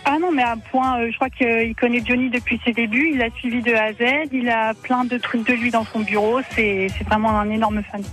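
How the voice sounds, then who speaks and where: A woman's voice: on the high side, steady tone, fairly quick, hardly any pauses, a bit bright, soft background music. A woman calling in over a phone line as a radio contest winner, chatty and easygoing. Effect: heard over a phone line. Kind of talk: casual chat.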